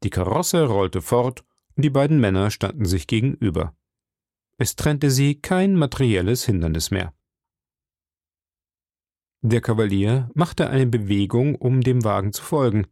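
A man reading a classic adventure novel aloud as narrator, in a measured, even storytelling manner. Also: mid-range voice, no echo, clean studio sound. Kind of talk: audiobook narration.

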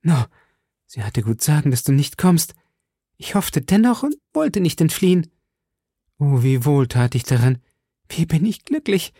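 A man's voice: fairly high pitch, sing-song, unhurried, pauses often, warm tone, husky, no room sound, studio quality, pitched above the performer's own voice, full character voice. A man voicing a frightened young woman who grows faint, with a breathless, pleading, lifted voice. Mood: yearning.

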